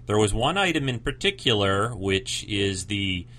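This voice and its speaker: Man, very low pitch, crisp bright tone, casual podcast commentary, rambling, informal, hesitant. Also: big pitch swings, measured pace. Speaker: podcast host.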